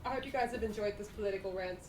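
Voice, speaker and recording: A woman's voice: mid-range voice, very fast. Rambling woman on a distant, echoey mic. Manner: rambling, animated, self-mocking. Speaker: stream co-host. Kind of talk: casual chat among friends. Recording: distant mic, roomy echo, noise.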